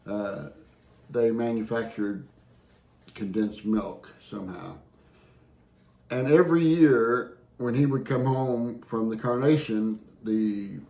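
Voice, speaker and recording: A man's voice: medium pitch, darkish tone. An older man, telling childhood stories with dry, laid-back humor in a home vlog. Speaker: host's husband, guest. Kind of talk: casual home vlog chat. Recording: echoey room.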